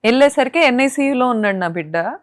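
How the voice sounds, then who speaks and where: As an interview guest, this young woman from Andhra Pradesh, India, talks fast in an expressive, fairly high voice, indignant and firing off pointed rhetorical questions. The studio recording is clean, with no room sound.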